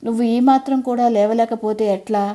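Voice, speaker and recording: A woman's voice: medium pitch, fairly even intonation, moderate pace, close to an everyday voice. A woman reading an audio story, voicing a tired sixty-year-old daughter who coaxes and pleads with her elderly mother. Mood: pleading. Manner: gently insistent, coaxing.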